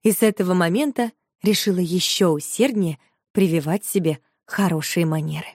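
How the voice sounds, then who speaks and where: A woman narrating a children's story, reading clearly and expressively. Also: lowish voice, normal speed, a little mellow, dry recording, clean studio sound.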